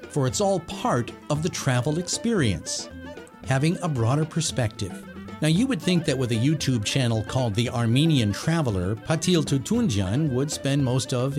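A middle-aged man hosting a podcast, reading a measured, emphatic introduction and then chatting with his guest. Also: mid-range voice. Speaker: podcast host. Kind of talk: scripted intro then conversational interview.

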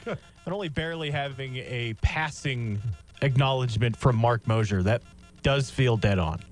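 A man's voice: mid-range voice, normal speed, soft background music. A man co-hosting a sports radio show, chiming in with questions and agreement. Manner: chimes in with short questions and agreement. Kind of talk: casual sports radio banter.

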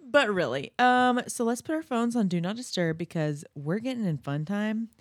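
A young adult woman co-hosts a casual chat podcast, giggling often and poking fun at herself. Her pitch swings widely as she talks. The recording is dry and close, with no room sound. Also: expressive, moderate pace, no room sound. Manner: giggly, jokey, self-teasing. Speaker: podcast co-host.

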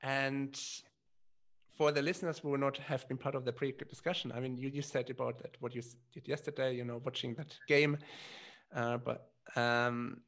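A man's voice: medium pitch, fairly even intonation, moderate pace, a bit bright. A man hosting a podcast interview, asking long, hesitant questions full of fillers and restarts. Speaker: podcast host.

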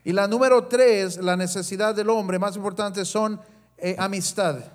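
A man interpreting a sermon live, following each phrase, with hesitations and quick self-corrections. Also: high voice, fairly even intonation, soft background music.

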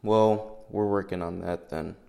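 Young American male podcaster, lowish pitch, loose self-deprecating chat with swearing, echoey garage sound. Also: fairly even intonation, measured pace, vocal fry, dark tone. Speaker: podcast host. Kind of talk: casual solo podcast chat. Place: indoors in a garage. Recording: echoey garage room sound, breath pops.

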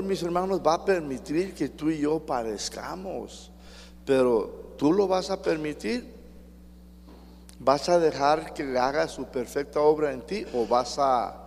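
A man's voice: mid-range voice, darkish tone. A man with a Mexican accent preaching a sermon, emphatic and speaking straight to his congregation. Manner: emphatic, addresses the congregation directly. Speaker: pastor. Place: church hall. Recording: reverberant hall with faint hum.

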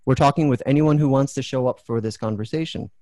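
A man's voice: mid-range voice, fast, mellow, no room sound. Thoughtful male host, dry close sound. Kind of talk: casual discussion on a video call.

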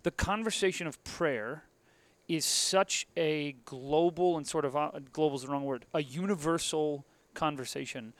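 A man's voice: a little high, normal speed, dry recording. An American man hosting a podcast interview in a casual, wry and rambling conversational style. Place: basement room of a convention center.

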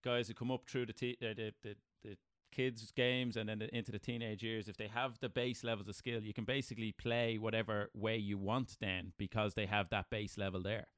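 Guy doing an interview, clear smooth voice on the low side, kinda hesitant, feels his way into questions. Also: level tone, a little fast, fairly bright tone, no room sound, clean studio sound. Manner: hesitant, circling into long questions. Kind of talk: conversational interview.

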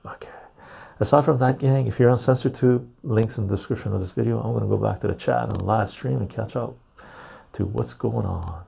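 A man hosting a casual live stream in a laid-back, jokey way, with a gravelly, husky voice, recorded on a clip-on lapel mic. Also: lowish voice, fairly quick, mellow. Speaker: live stream and podcast host. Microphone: lapel mic clipped on.

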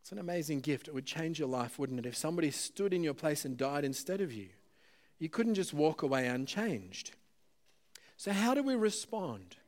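A man preaching a sermon in a relaxed, conversational way, with plenty of "um"s and self-deprecating asides. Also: fairly high pitch, moderate pace.

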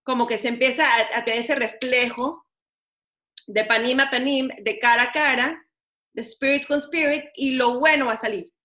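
Woman, bright high voice, relaxed teaching tone that switches into words mid-sentence. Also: normal speed. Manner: mixes English words into Spanish, asks "¿ok?" often. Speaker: teacher of a weekly class. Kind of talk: casual spiritual lesson.

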